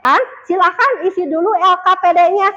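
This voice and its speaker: A woman's voice: very high voice, normal speed, lo-fi sound, background noise. A woman teacher leading a classroom lesson, asking the pupils questions and repeating their answers.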